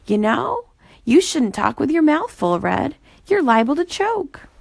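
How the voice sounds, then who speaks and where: A woman reading aloud voices a fussy, house-proud male Fraggle who prides himself on his laundry. He speaks in a prim, finicky way, higher than her narration, with a gravelly edge. The sound is dry and close. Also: big pitch swings, a little slow, a little mellow, no echo, exaggerated voice. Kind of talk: storybook character voice.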